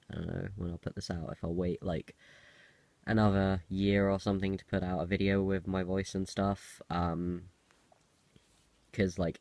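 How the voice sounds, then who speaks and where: A man's voice: sits low, creaky, darkish tone, dry recording. A young man with a cold that makes the voice a bit harsh, giving a casual, rambling personal update in a hesitant, self-interrupting way. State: has a cold. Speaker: video diarist.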